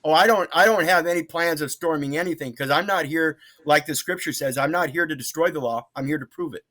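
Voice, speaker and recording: A man's voice: a little high, fairly quick, sharp tone. An American man calling in to a radio show, debating off the cuff in an earnest, insistent, preachy way. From Mississippi, United States. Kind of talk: unscripted call-in debate.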